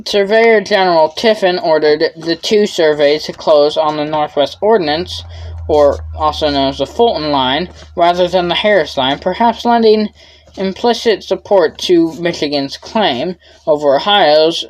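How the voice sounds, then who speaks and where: A young woman presents a scripted history lesson, reading carefully but stumbling and restarting now and then as she loses her voice. She has a deep voice and a measured pace, and the recording is rough.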